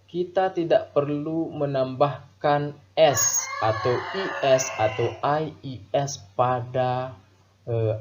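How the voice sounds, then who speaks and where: Slow, mellow-voiced man teaching grammar. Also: mid-range voice, a little hiss or hum. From Indonesia. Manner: slow, deliberate explanations with repeated example sentences. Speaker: English teacher. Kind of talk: grammar lesson explained in Indonesian. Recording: dull lo-fi voice recording.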